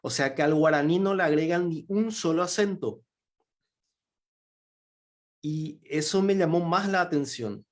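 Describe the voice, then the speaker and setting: Slow, hesitant Paraguayan man. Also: on the high side. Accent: Paraguayan Spanish. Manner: hesitant, many fillers and restarts. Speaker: symposium speaker. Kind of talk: lecture talk.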